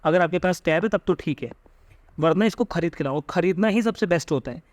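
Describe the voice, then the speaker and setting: A young man with an Indian accent giving emphatic study advice straight to his viewers, peppering his talk with quick check-ins. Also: high voice, animated, no echo. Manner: emphatic, repeats tag questions like "theek hai". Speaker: exam coaching guide. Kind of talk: direct-to-camera study advice.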